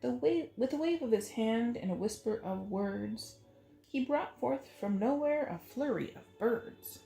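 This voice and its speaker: Reading a rhyming picture book to children, this woman uses a slightly high, gravelly voice with a dark tone. She is expressive and a little slow, phrasing dramatically in a sing-song way. Echo from a roomy space and faint music can be heard.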